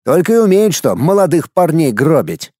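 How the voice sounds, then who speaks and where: Man doing an irritable soldier officer, brusque, exclaiming, mid pitch, mellow dark tone. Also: sing-song, normal speed, breathy edge, dry recording, clean studio sound. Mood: irritated. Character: irritable middle-aged male soldier officer.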